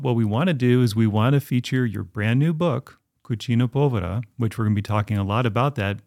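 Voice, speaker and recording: A man's voice: mid-range voice, darkish tone, no room sound, studio quality. A man hosting a podcast, upbeat and enthusiastic while chatting with guests. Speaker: podcast host. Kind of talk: casual interview chat.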